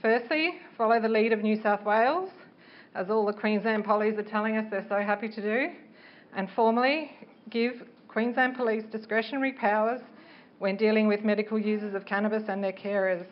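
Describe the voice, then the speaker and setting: A woman's voice: medium pitch, fairly even intonation, brisk. A middle-aged woman giving a prepared public speech as a parent campaigner, speaking earnestly and carefully like a reluctant speaker. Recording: dull, noisy live speech recording.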